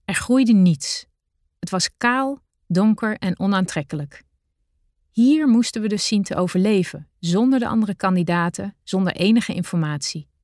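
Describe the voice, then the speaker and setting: A woman narrating her own adventure story in the first person, with a measured, deliberate reading style. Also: mid-range voice, darkish tone, dry recording, clean studio sound.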